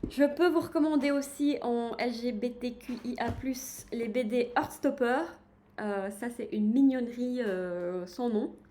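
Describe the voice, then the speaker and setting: A woman's voice: fairly high pitch, unhurried, mellow, a little hiss or hum. A woman chatting in a casual book-review livestream, enthusiastic and full of hesitations as she recommends books. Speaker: book streamer.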